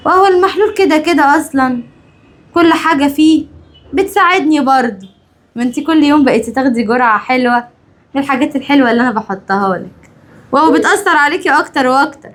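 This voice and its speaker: Brief: woman voicing cruel daughter-in-law, high-ish, menacing taunts, skit drama. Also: fast talker, lightly acted. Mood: taunting. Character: scheming cruel young wife tormenting her mother-in-law.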